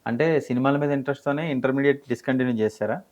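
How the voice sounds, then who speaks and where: A man's voice: mid-range voice, rapid-fire, darkish tone. A man hosting a studio interview, greeting viewers and asking polite questions. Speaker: interview host. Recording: dull lo-fi studio audio.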